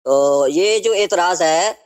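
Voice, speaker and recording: A man calling into a live show who argues with the host, talking over him, then laying out his point slowly and deliberately. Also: high voice, smooth. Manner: defensive, talks over the host, slow and deliberate when making his point. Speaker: caller. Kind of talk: heated debate on a call-in show.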